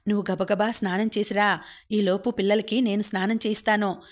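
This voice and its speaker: A woman narrator voicing a kind older mother who speaks softly and pleads, in an audiobook. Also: medium pitch, little pitch movement, fairly quick, close to an everyday voice. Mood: gentle. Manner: hushed, pleading.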